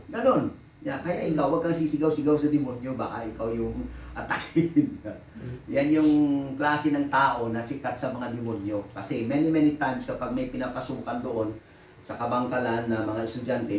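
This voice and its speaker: Male pastor, story-driven sermon, mid-pitched, miked from a distance in a roomy hall. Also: a little mellow, a little hiss or hum. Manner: storytelling, mixing Tagalog and English, laughing at his own anecdotes. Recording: echoey room, voice from a distance.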